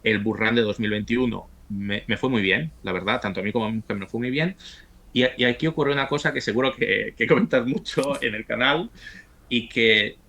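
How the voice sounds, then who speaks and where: A man's voice: mid-range voice, a little fast, bright, forceful tone. A man in his forties from Italy, whose first language is Italian, talking at length as an interview guest with frequent restarts. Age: 40s. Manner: talkative, many restarts and stumbles. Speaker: guest, university professor. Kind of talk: casual interview conversation.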